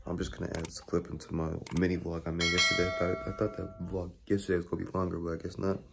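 A man's voice: deep voice, completely flat delivery, quick pace, creaky, over loud music. A young American man chatting casually for a vlog in slangy, offhand speech, often saying bro and man. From Texas, United States. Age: young adult. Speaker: vlogger. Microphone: phone at arm's length. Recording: noisy handheld phone recording, vehicle and outdoor noise.

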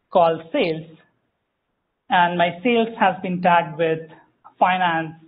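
A man giving a live software demo at a tech meetup, explaining step by step with frequent fillers and self-corrections. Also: a little high. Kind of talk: live conference demo walkthrough. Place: meetup room, small audience. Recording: tinny phone-like room audio.

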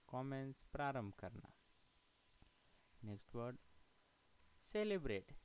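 A man's voice: mid-range voice, a little hiss or hum, poor audio. A man teaching vocabulary, spelling each word letter by letter and reading through lists of meanings, correcting himself now and then.

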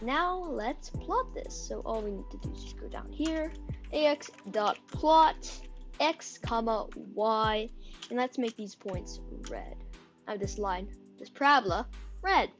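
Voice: medium pitch, animated, slow, a bit bright, faint music behind. A young woman giving a casual step-by-step coding tutorial, dictating code aloud symbol by symbol. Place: indoor room at a computer.

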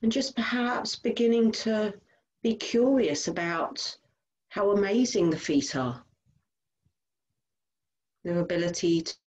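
A female teacher guides a body scan meditation at medium pitch, offering gentle instructions in short phrases separated by unhurried pauses. The audio quality is poor.

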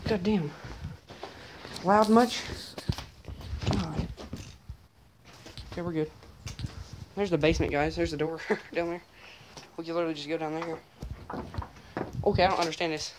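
A young man with a fairly high, fairly even voice swears his way through noisy phone audio at a moderate pace, pausing often. He's a vlogger exploring abandoned buildings, chatting loosely and jumpily as he walks through woods and ruined sheds with his phone camera. Rain and heavy handling noise fill the background.

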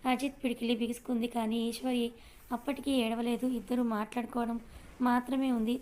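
A woman storyteller reading a dramatic audio story aloud with a steady delivery. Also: on the high side. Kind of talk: scripted narration of an audio story.

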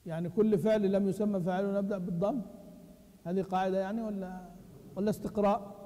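Male teacher, high-pitched, quizzes students and chants verses, long hall reverb. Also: steady tone, quick pace, mellow. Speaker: Quran recitation teacher. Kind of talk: classroom lesson explaining a text. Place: large mosque hall.

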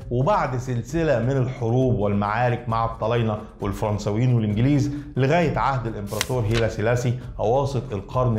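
A man's voice: mid-range voice, a little mellow, echoey room. A man with an Egyptian Arabic accent giving a scripted educational narration, explaining things and addressing the listeners directly.

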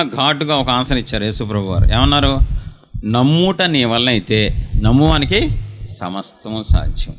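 A man's voice: medium pitch, a bit bright, slight background noise. A man preaching a sermon, emphatic and full of rhetorical questions, acting out short quoted voices.

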